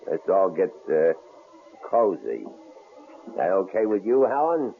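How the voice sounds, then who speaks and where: An actor playing a menacing, sneering male stranger in an old radio drama, with a gravelly, mocking drawl. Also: sits low, big pitch swings, a little slow, heavily acted. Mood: leering. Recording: tinny old radio broadcast, faint hiss.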